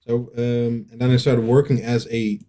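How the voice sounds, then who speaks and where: A man's voice: mid-range voice, flat delivery, normal speed, dark tone. A man answering questions as a lead game developer, in a casual, hesitant way with many fillers and restarts.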